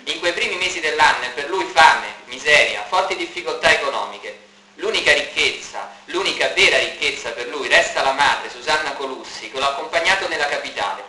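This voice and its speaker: A man narrating a documentary in a clear, informative, scripted manner. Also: a little high, animated, fairly quick, pushed and bright. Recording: roomy reverb.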